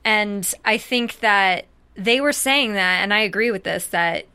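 A woman's voice: medium pitch, measured pace, sharp tone, smooth. A young woman co-hosting a casual TV recap chat, chatty and thinking aloud as she goes. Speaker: co-host.

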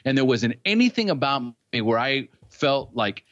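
Speaking at a moderate pace in a mid-range voice, this Californian podcast guest, a middle-aged man, shares his life story candidly and conversationally. He's animated, frank and laughs easily, and the lo-fi audio sounds dull, with no echo.

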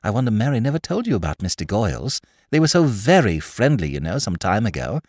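A man voicing an eager, gushing young woman activist in a storybook reading, high and breathless. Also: sing-song, a little fast, darkish tone, dry recording, clean studio sound.

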